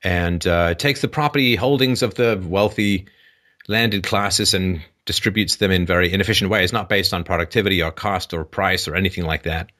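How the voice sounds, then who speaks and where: Low-voiced man hosting a call-in show. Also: moderate pace, pushed and bright. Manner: hesitant, frequent ums and restarts. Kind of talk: conversational explanation.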